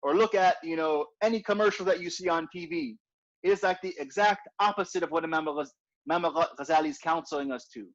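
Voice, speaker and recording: A man with a fairly high voice talks at a quick pace while teaching an informal religious class, keeping it conversational, repeating his points and often asking "right?" The recording is dull and lo-fi.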